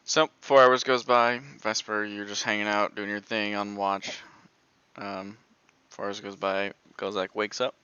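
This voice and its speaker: A man's voice: fairly low pitch, flat delivery, a little slow, bright, forceful tone, clear, resonant tone, dry recording. A man running a tabletop game as game master, explaining rules loosely with lots of filler words. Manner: rambling, lots of "like". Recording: dull lo-fi sound.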